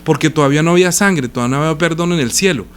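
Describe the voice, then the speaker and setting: A man's voice: fairly high pitch, very fast, a bit bright, slight background noise. A male pastor preaching a sermon, reading scripture aloud and stopping to explain it with rhetorical questions.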